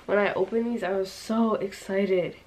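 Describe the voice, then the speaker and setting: A woman's voice: mid-range voice, steady tone, moderate pace, darkish tone. A teenage girl in her bedroom, chatting in a casual haul vlog, bubbly and rambling with lots of fillers. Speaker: vlogger.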